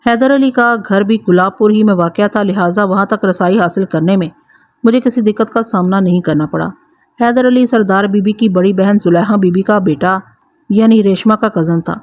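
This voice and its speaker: A woman storyteller giving a scripted narration of a crime story in a steady, even reading voice. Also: medium pitch.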